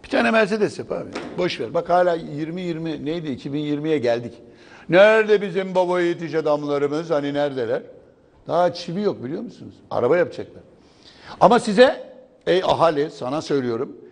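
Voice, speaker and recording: A man's voice: fairly high pitch, lively intonation, a little fast, creaky. A man giving sarcastic morning news commentary in a TV studio. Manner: sarcastic, mocking.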